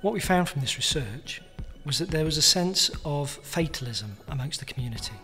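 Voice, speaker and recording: A man's voice: a little high, lively intonation, moderate pace. A man speaking as a charity spokesperson, formally explaining research findings. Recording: soft music bed behind the voice.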